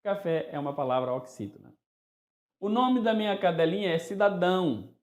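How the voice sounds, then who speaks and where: In a reverberant space, a male teacher with a high voice gives an animated, playful grammar lesson at a moderate pace. He sometimes calls words out in a singsong to show the stressed syllable.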